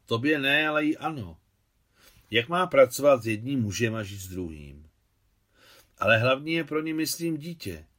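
A man reading an audiobook, voicing a calm, perceptive middle-aged woman who patiently explains things to her husband. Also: mid-range voice, voice pushed up, natural voice. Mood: explaining. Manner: patient, explaining, gently chiding.

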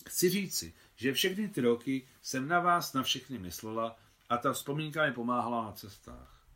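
A bold young noblewoman from Russia tells of her escape lightly and playfully, voiced by a male reader. She sounds bright-toned and sharp. It is a spoken audiobook. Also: medium pitch. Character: Russian countess, young woman, bold and cool-headed.

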